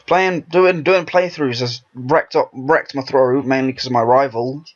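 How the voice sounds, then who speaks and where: A man's voice: medium pitch, fairly even intonation, a little slow. A man hosting a let's play, chatting casually and rambling while he plays. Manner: rambling, self-interrupting chatter. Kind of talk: casual gameplay commentary. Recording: dull lo-fi recording.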